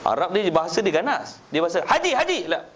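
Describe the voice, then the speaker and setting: A man with a Malaysian Malay accent preaching in a mosque, telling lively stories and often calling on his listeners. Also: fairly high pitch, fast. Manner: lively storytelling, addressing listeners as tuan-tuan. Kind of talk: religious lecture.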